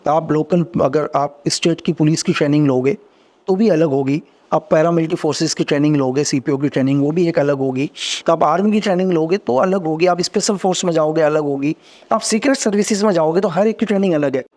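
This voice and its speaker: This is a fairly high-pitched, slightly mellow male voice belonging to a middle-aged ex-agent appearing on a podcast. Telling his story in a casual interview, he speaks rapidly and earnestly, circling back to the same phrases and growing more energetic as he explains.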